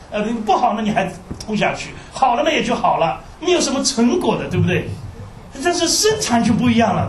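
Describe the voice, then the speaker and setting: Animated male preacher in an echoey hall. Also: very high voice, slight background noise. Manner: animated, rhetorical questions with frequent sighing interjections. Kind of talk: sermon. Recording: roomy hall recorded from a distance.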